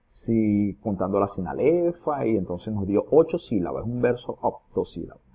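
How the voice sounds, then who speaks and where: A male teacher walks through a recorded lesson step by step, often asking questions and then answering them himself. His voice is low, dark and slightly husky. His pitch swings widely between phrases. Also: animated, moderate pace. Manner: explains step by step, asks students rhetorical questions. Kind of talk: recorded lesson on poetry metrics.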